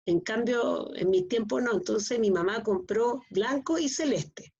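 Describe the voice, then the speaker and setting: A woman's voice: fairly high pitch, expressive, unhurried, a little mellow, breathy edge. A middle-aged woman, teaching a class and often checking if students follow. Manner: explains with frequent checking questions. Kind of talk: online class lecture. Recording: dull lo-fi online class audio.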